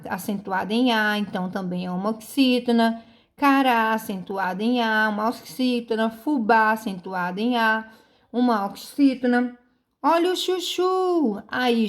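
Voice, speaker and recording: A woman teacher giving a recorded grammar lesson, patiently repeating each point and checking that pupils follow. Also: on the high side.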